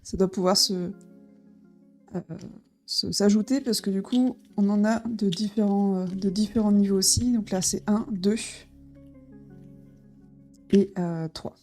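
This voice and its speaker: A woman unboxing a board game describes it casually in an ordinary mid-pitched voice with fairly even intonation. She stumbles through many fillers and restarts as soft background music plays faintly.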